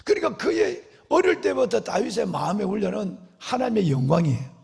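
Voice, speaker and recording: Middle-aged male pastor, high gravelly voice, fervent preaching to the congregation, long church reverb. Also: big pitch swings, brisk, darkish tone. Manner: impassioned preaching, often calling out to the congregation; acts out prayers and quotes in a dramatic voice. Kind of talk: sermon. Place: large church sanctuary.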